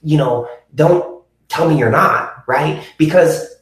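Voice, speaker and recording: A man's voice: on the high side, slow pace. Echoey earnest man in his forties. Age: 40s. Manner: earnest, repetitive, with many fillers and restarts. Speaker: podcast host. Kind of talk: motivational talk to viewers. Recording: very echoey room.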